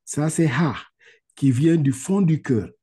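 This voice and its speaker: Over a video call, a man with a husky, dark, rather high voice teaches Quran reading. He patiently breaks things down step by step, stretches out Arabic words slowly so students can repeat them, and keeps asking "ok?"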